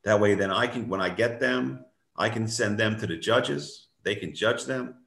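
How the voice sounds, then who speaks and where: A man's voice: fairly low pitch, normal speed, gravelly, fairly bright tone. An older man giving a plainspoken, reassuring update over a video call from a room at home. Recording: echoey room.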